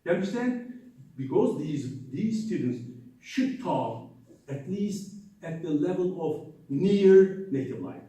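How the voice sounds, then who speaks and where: A man gives an emphatic conference lecture. His high voice swings widely as he repeats words and sounds out examples. He is picked up from far off, with heavy echo from the hall. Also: very animated, slow, warm tone. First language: Turkish. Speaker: conference presenter. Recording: echoey hall, distant mic.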